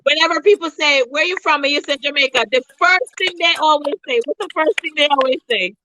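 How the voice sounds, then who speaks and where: A woman chatting on a podcast in a slangy, quick way, laughing easily. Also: high-pitched, sharp tone, a little hiss or hum, poor audio. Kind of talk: casual chat.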